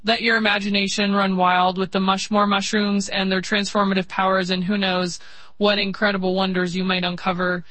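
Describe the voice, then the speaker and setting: A narrator telling an imaginative tale like a nature documentary, with theatrical, grandiose phrasing and hesitant pauses. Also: medium pitch, level tone, pushed and bright, no echo.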